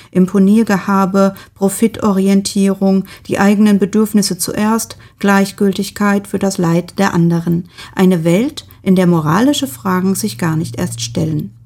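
Female reader presenting a novel, measured and even, warm dark timbre. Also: medium pitch, creaky. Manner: calm, measured reading. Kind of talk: scripted book review and read-aloud excerpt.

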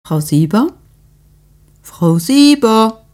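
A woman's voice: fairly high pitch, normal speed, darkish tone, husky, pitched above the performer's own voice. A woman voicing a nosy, gushing middle-aged female neighbor who chatters eagerly and fawningly. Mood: calling out.

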